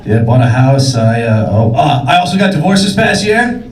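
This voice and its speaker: A man's voice: mid-range voice, very animated, moderate pace, recorded from a distance, noisy background. Brash profane stand-up comedian man. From New York State. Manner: brash, profane, self-mocking punchlines. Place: comedy club stage. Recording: roomy club recording, faint crowd.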